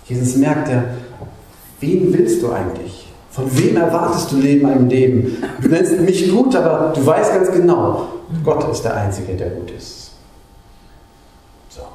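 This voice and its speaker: A man preaching a sermon in a church, lively and conversational, with asides and little jokes. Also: medium pitch, unhurried, pauses often. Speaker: pastor. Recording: very echoey church room.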